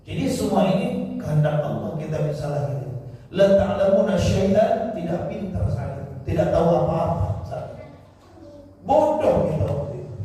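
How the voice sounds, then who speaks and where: A man with an Indonesian accent giving a storytelling sermon in a mosque, acting out conversations as he teaches. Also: on the high side. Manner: storytelling, animated, acts out dialogue and a baby's cries. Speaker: preacher. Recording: echoey hall, distant mic.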